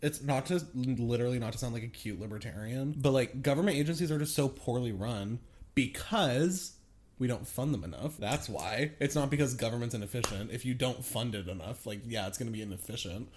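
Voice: mid-range voice, brisk, a little mellow. An American podcast co-host chatting casually, with an irreverent, reactive way of bantering.

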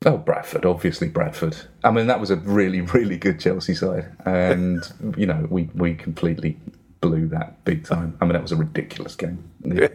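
Deep-voiced Essex man talking football. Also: fairly even intonation, moderate pace, a little mellow, slightly rough. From Essex and east London, England. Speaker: football fan podcast guest. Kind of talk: casual football chat.

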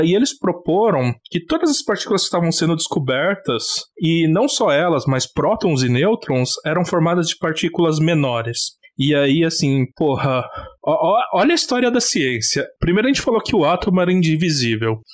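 A man's voice: a little high, animated, moderate pace. A young man with a Brazilian Portuguese accent, a theoretical physicist co-hosting a casual science podcast, joking, swearing and sounding mock-exasperated.

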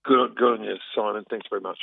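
An Australian man talking as a racing guest in a casual radio interview, conversational and a bit halting. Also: lowish voice, fairly even intonation, gravelly, slightly rough, no echo, narrow, tinny audio.

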